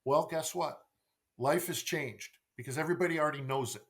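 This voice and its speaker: Here the middle-aged man's voice is on the high side, creaky, and fairly quick. As a sales coach guesting on a conversational podcast interview, he stays emphatic, repeating phrases and asking rhetorical questions.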